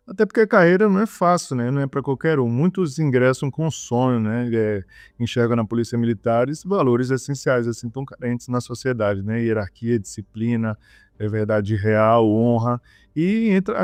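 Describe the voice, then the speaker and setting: Male interview guest from Bahia, mid pitch, dry sound, lots of fillers. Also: darkish tone, no room sound. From Bahia, Brazil. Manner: fillers and repeated words. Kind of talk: conversational interview.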